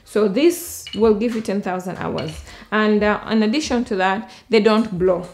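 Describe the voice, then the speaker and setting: Her voice medium-pitched with a darkish tone, a middle-aged woman with a Ugandan accent walks through a product she invented and shows how it works. She stops frequently, saying um and starting over, and there's slight background noise.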